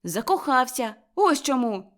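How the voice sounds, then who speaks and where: An eager, cheerful young man, as a woman reader plays him in a storybook, high and bright-toned. His voice leaps up and down with excitement. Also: measured pace, full character voice. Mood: pleading.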